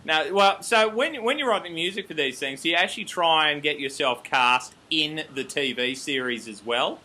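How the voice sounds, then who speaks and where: Australian male host, chatty and jokey, high-pitched and bright-toned. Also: lively intonation, moderate pace. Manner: upbeat, joking, chatty. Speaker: interview host. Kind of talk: casual chat interview.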